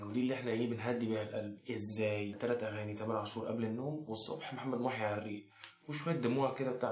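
A young man with an Egyptian accent delivering a sarcastic, mock-serious comic advice monologue to the camera. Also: medium pitch. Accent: Egyptian Arabic. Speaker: comedy vlogger. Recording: echoey room.

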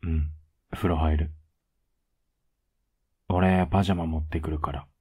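Young boyfriend, played by a man, ASMR role-play. Husky, flat and unhurried, affectionate with gentle teasing. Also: full character voice. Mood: tired, casual. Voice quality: low, husky, soft. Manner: laid-back, gently teasing, intimate.

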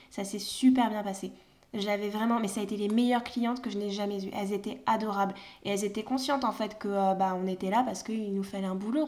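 Young woman, mid-pitch, relaxed conversational storyteller. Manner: emphatic, hesitant storytelling. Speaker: former retail saleswoman. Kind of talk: casual chat.

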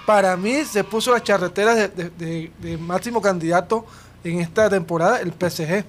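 High-voiced man chatting football. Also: moderate pace, a little hiss or hum. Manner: chatty, stretches out his stories with restarts. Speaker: podcast co-host. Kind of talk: casual football chat.

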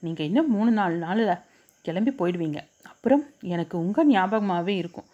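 A woman voicing a shy, sweet young bride-to-be who pleads softly, in a storybook reading. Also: medium pitch, animated, normal speed, dull audio, natural voice.

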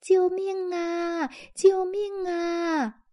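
A woman reading a storybook, voicing a small lost teddy bear that cries for help in a high pleading voice. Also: unhurried, highs cut off. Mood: crying.

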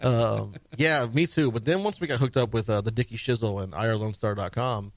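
A man's voice: mid-range voice, a little fast, no echo. A man hosting a radio show in a studio, chatting casually. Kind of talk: casual chat.

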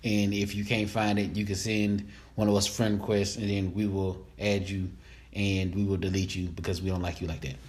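A man's voice: sits low, little pitch movement, moderate pace, darkish tone, roomy sound, a little hiss or hum. A man co-hosting a podcast in casual chat, talking in a laid-back, rambling, jokey way. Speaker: podcast co-host.

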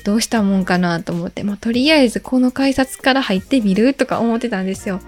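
A woman hosting a podcast, telling a travel story in a lively, chatty way and acting out the people she quotes. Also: medium pitch, quick pace, soft background music. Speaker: podcast host. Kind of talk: casual radio talk, travel story.

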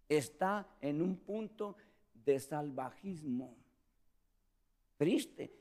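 A middle-aged man preaching a sermon as pastor, animated, acting out the voices he quotes and often calling his listeners brother. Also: high-pitched.

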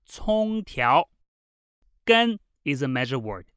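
A teacher reading a vocabulary lesson, saying each word clearly and repeating it twice. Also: mid-range voice, very animated, slow pace, a bit bright, dry recording, studio quality. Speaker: Mandarin teacher. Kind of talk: slow bilingual vocabulary lesson.

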